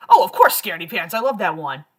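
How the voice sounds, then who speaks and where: A woman's voice: on the low side, very animated, quick pace, fairly bright tone. A woman hosting a livestream, chatting casually and laughing often. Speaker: livestream host. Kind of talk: casual chat.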